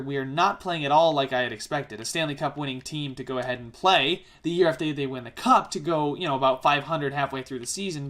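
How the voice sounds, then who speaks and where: A man giving casual let's-play commentary, rambling and exasperated, often correcting himself as he talks fast. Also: a little high, fairly bright tone. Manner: fast-talking. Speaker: gaming YouTuber.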